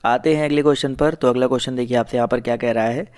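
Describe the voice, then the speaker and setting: Man, online tutor, mid-range voice, explaining answers, asks students if it's clear. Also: mid-range voice, fairly even intonation, racing, darkish tone. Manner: addresses viewers as friends, asks "clear?"; reads out options and answers them one by one. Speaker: teacher. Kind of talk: online exam-prep lecture.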